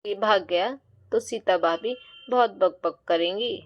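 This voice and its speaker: A woman's voice: mid-range voice, a little slow, muffled recording, pitched below the performer's own voice, lightly acted. A woman voicing a flustered young man, the kids' uncle, who panics and feels helpless in a doll-play bedtime story.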